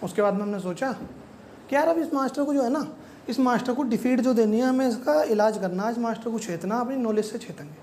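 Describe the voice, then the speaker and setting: A man's voice: extremely high pitch, brisk, a little mellow, slight background noise. A young man telling stand-up stories, acting out dialogue with crude, slangy punchlines. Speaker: stand-up comedian. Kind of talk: stand-up storytelling.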